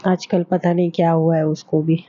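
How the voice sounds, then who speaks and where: A woman voicing a gentle, chatty middle-aged mother who talks in a soft, homely, rambling way, on a dull lo-fi recording. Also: sits low, level tone, normal speed, lightly acted.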